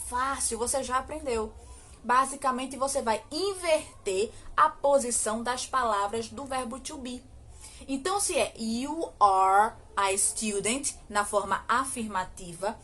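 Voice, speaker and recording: A Brazilian woman with a fairly high voice teaches English grammar to children. She speaks in quick explanations, then draws out each example sentence slowly and checks in with rhetorical questions. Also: fairly bright tone. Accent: Brazilian Portuguese. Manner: slow, drawn-out model English sentences between quick explanations; asks rhetorical questions, frequent "ok?". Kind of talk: recorded online grammar lesson.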